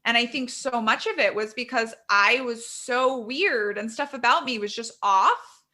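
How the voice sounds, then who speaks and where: A woman in her thirties, a guest author, telling her story candidly in a conversational interview. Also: on the high side. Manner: candid, quick, animated storytelling.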